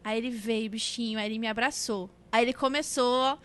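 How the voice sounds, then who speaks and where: A woman's voice: on the high side, fairly even intonation, fairly quick. A young Brazilian woman, a mother and podcast co-host, telling an everyday family story in casual chat and acting out what people said.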